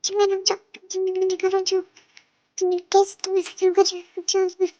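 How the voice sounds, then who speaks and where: A woman's voice: very high voice, completely flat delivery, fast, highs cut off, background noise. A woman voicing a heartbroken young man who pleads with his partner, in a fan-dubbed drama. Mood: begging.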